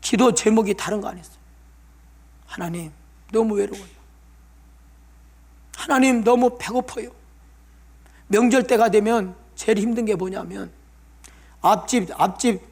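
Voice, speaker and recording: Male pastor, high gravelly voice, emotional testimony sermon in a church. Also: a little mellow. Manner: emotional testimony, tearful pleading prayers. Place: church sanctuary.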